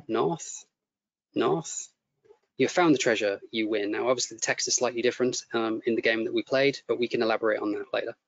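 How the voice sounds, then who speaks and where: A man's voice: medium pitch, no room sound. Man walking through code as he types. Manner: explains step by step while typing, repeats words. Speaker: teacher demonstrating coding. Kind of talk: live coding tutorial. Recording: muffled lo-fi audio with faint noise.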